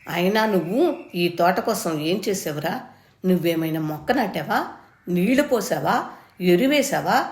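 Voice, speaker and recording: A woman reading a story, voicing a stern old grandmother who scolds her son firmly and with passion. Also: lowish voice. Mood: defiant. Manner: firm, scolding, impassioned. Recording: roomy echo.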